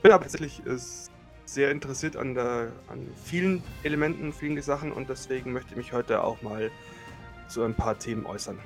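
A man's voice: medium pitch, brisk, faint music behind. A man in his late thirties from Germany, co-hosting a casual podcast chat and talking with many fillers and restarts. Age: late 30s. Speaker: podcast co-host.

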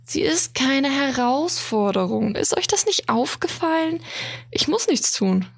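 A woman's voice: high voice, big pitch swings, unhurried, creaky, voice pushed up, exaggerated voice. A woman voicing a short, bald, arrogant male fiancé in a whispered role-play, with a smug, indignant and sometimes stammering delivery.

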